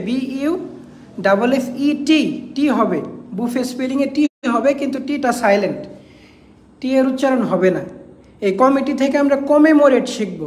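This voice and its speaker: A woman with a somewhat high voice teaches an exam-prep English class. She spells each word out letter by letter and repeats the main points for her students. The room around her sounds echoey and roomy. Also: a little mellow.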